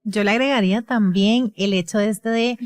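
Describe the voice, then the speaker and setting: A woman's voice: mid-range voice, normal speed, no room sound. A woman with a Costa Rican accent, a speech therapist explaining in a casual podcast conversation and often closing sentences with a question tag. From Costa Rica.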